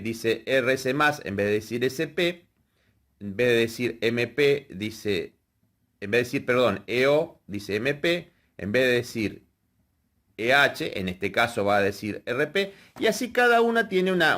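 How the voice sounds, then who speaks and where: A man's voice: medium pitch, a bit bright. Man explaining wiring step by step. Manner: explanatory, checks in with frequent "¿sí?" and "fíjense". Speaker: electrical workshop instructor. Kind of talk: hands-on technical lesson.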